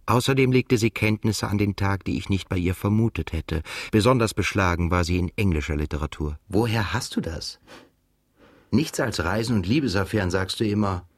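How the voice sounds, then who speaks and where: In a radio drama, an actor plays a reflective, melancholy male writer narrating his own story in measured, literary phrases. His low voice sounds tender and reflective, recorded at studio quality with no room sound.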